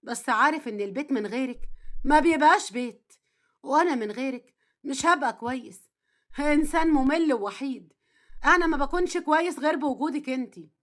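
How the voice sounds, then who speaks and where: A woman voicing a stern, reserved man in his thirties with an Egyptian accent, gruff and curt, then softly tender, in a storytelling drama. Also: sits high, animated, fairly quick. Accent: Egyptian Arabic.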